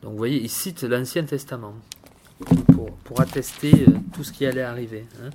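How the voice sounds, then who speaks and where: A man giving informal Bible teaching, halting and repeating words, often asking his listeners questions. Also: mid-range voice, very noisy. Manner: halting, repeats words, tags phrases with "hein"; addresses listeners directly with questions. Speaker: preacher.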